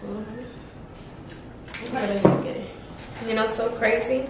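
A woman's voice: on the high side, steady tone, normal speed, heavy reverb, recorded from a distance, heavy background noise. A woman chatting casually with a friend, laid-back, slangy and playful. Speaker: guest friend. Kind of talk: casual chat.

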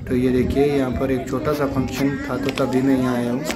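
Against crowd noise, a northern Indian man from the Himachal Pradesh hills talks a little fast in a flat, mid-range voice. Running his village vlog casually, he keeps pointing things out in repetitive show-and-tell and addresses his audience as friends.

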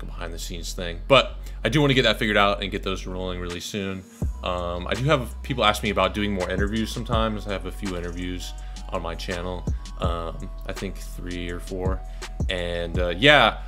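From a small indoor bedroom bathed in pink light, a young Dallas, Texas, channel host and videographer films a relaxed vlog thanking viewers. His voice is deep and monotone, and he rambles easily, dropping plenty of ums.

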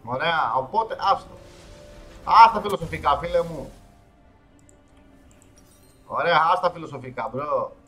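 Excitable male game streamer. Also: long pauses, faint music behind. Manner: excitable, swings from loud outbursts to low mutters. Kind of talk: live gameplay commentary.

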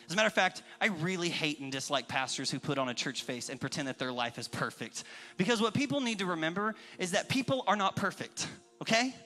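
A man's voice: on the high side, fast. A man in his thirties preaching a sermon, telling personal stories candidly and acting out the people in them. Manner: candid, animated, acts out dialogue in different voices. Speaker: pastor. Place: church auditorium. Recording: reverberant church hall with faint music.

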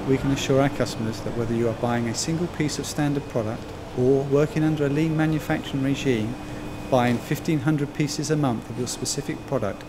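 A man reading a scripted corporate voice-over in a measured, even delivery. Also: mid-range voice, background noise. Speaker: company narrator.

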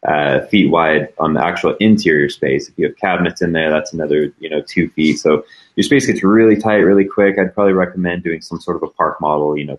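A man who builds tiny houses, answering questions in a relaxed live Q&A, with lots of fillers. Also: very deep voice, poor audio. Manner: casual, filler-heavy. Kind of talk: live Q&A chat.

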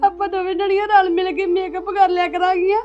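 An actress playing a young newlywed bride who pleads through tears. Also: female voice, very high-pitched, little pitch movement, fairly quick. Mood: hurt. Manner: pleading, tearful. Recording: dull lo-fi sound with music behind.

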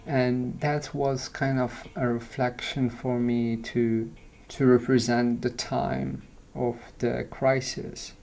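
A man in his thirties from Morocco, an artist speaking slowly about his work and searching for words. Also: mid-range voice, little pitch movement, gravelly, a little mellow, echoey room, recorded from a distance, slight background noise, low-quality recording. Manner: slow, halting, searching for words. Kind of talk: reflective interview voice-over.

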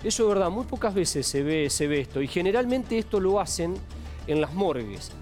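A male TV crime host with a Rioplatense Argentine accent, speaking in a somewhat raised pitch. He delivers emphatic, indignant commentary from a studio. Faint music plays in the background. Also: sing-song, normal speed, darkish tone. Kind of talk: TV crime news presenting and commentary.

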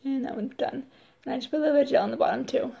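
Chatty woman with a gravelly voice. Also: high voice, racing, mellow, highs cut off. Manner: chatty, says "totally" and "like" often. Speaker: makeup seller hosting a live video. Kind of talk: casual live product demo.

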